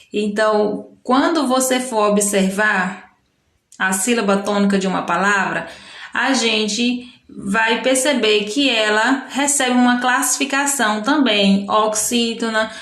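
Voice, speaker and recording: A woman's voice: a little high, fairly bright tone, reverberant. A Brazilian woman teacher giving a recorded lesson to young pupils, explaining patiently and often correcting herself. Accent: Brazilian Portuguese. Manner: slow, patient explaining with frequent self-corrections. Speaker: primary school teacher. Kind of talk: recorded remote lesson walking through a textbook.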